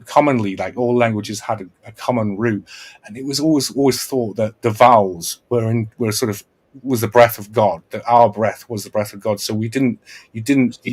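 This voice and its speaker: A podcast host explains things at length in an earnest, lecturing manner, restarting often and repeatedly checking with "right?" in a casual setting. His voice is fairly low and husky.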